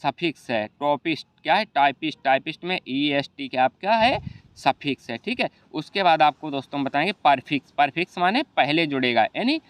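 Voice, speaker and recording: A man's voice: a little high, expressive, fairly quick, fairly bright tone. A man with a Hindi accent teaching an exam revision lesson, often asking rhetorical questions and adding "okay, brother.". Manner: repeats rhetorical questions and "ठीक है भैया".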